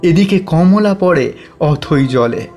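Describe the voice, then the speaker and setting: A man narrating a village horror story in a dramatic, measured way. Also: fairly high pitch, animated, warm tone, faint music behind.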